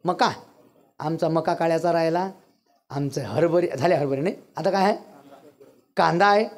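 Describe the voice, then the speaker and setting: A man with a Varhadi Marathi accent preaching a devotional sermon, blunt and teasing, breaking into loud bursts. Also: fairly high pitch, moderate pace. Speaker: kirtan preacher.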